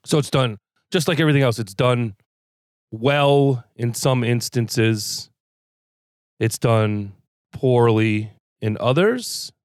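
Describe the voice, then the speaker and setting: A man hosting a casual podcast, wry and measured, putting many questions to his guests. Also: medium pitch, a little mellow, no room sound, clean studio sound. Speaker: podcast host.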